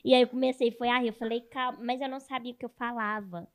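Lively young woman telling a story. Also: a little high, quick pace, smooth. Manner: lively storyteller, fond of tag questions. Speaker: guest, content creator. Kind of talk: casual storytelling in an interview.

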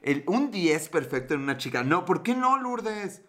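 A man's voice: sits high, very animated, normal speed, bright, forceful tone. A man with a Mexican accent chatting casually on a livestream, rambling, slangy and swearing, reading out his viewers' comments, a bit tipsy. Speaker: livestream host reading chat.

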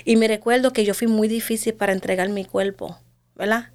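A woman telling her own story in an interview, earnest and halting, often restarting her sentences and slipping in English words. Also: mid-range voice, fairly even intonation, a little mellow. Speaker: guest sharing her story. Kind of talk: personal testimony in conversation.

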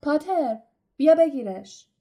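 A woman's voice: sits high, animated, warm tone, voice pushed up. A woman voicing an arrogant, mocking schoolboy bully in an audiobook reading. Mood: taunting. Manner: mocking, taunting.

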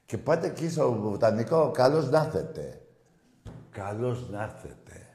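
A man in a profane, mocking rant at a rival football club's fans, swinging between loud shouts and low jeers. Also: sing-song. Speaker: football fan ranting. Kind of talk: profane monologue. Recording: roomy echo.

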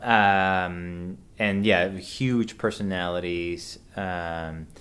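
A man's voice: low-pitched, steady tone, extremely slow, fairly bright tone. A man in his thirties from Venezuela, a podcast guest chatting casually and hesitantly, with many fillers and restarts. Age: 30s. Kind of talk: casual conversation.

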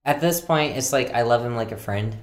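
A young man co-hosting a podcast, chatting casually and telling rambling stories, laughing often and filling pauses with "um" and "like.". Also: mid-range voice. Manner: laughing, rambling storyteller with many fillers. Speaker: podcast co-host. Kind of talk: casual chat.

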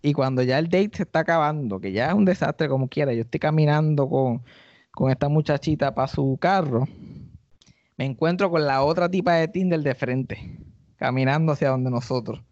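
At a moderate pace, a Puerto Rican-accented comedian and podcast host tells an animated, offhand story, slipping into high voices whenever he quotes someone. The sound is dry, slightly dull podcast audio without any room sound.

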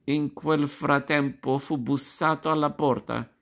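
A man reading a classic fairy tale aloud, narrating in a measured, expressive storytelling manner. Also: fairly high pitch, creaky.

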